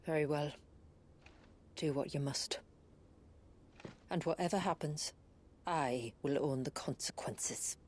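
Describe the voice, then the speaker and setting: A woman playing a solemn, dignified noblewoman in a game drama, with a husky voice and a formal, deliberate delivery. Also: low-pitched, a little mellow, a little hiss or hum. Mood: resolute. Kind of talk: video game drama acting.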